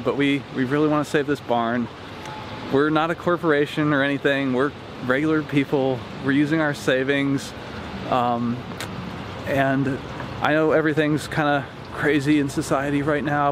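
Recorded outdoors beside the barn on a camera held at arm's length, with background noise, this is casual vlog narration from a forties-aged Ohio man who hosts the channel and develops property. His voice is fairly high-pitched, and he talks plainly and earnestly, full of ums and restarts.

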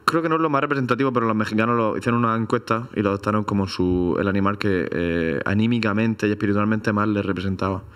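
Low-voiced Spanish man telling tall tales. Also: steady tone, fast, hardly any pauses, fairly bright tone. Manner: rambling, tells tall tales with hesitant fillers. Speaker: comedy podcast co-host. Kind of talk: absurd deadpan comedy chat.

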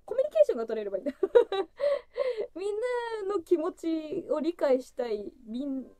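A woman's voice: sing-song, normal speed, dark tone, no echo. A woman in her thirties hosting a casual solo livestream, chatting freely and breaking into laughter often. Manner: chatty and giggly, breaks into frequent laughter, voice jumping high. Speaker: livestream host opening fan gifts.

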